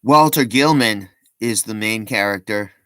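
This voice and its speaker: Low-voiced rambling man vlogging. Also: measured pace, pushed and bright, no echo. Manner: rambling, self-interrupting with joking asides; frequent ums and restarts. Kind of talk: casual rambling commentary.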